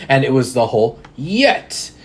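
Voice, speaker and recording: A man's voice: medium pitch, sing-song, unhurried. A man co-hosting a casual wrestling chat, rambling with restarts and frequent laughs. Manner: rambling, self-interrupting, laughs often. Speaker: podcast co-host.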